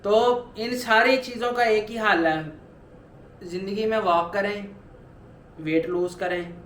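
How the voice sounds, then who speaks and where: In his personal weight-loss vlog, a twenty-something man addresses viewers directly in a high-pitched, fairly bright voice at a slow pace. His urging is earnest and repetitive, returning again and again to the same motivational points, while the room adds a strong echo over faint underlying noise.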